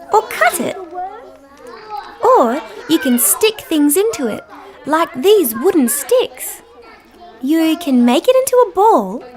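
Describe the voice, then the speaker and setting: A woman voicing a cheerful young female dinosaur who gently presents to small children in a slow, sing-song, wonder-filled way. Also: very high voice, full character voice. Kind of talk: children's show scripted narration.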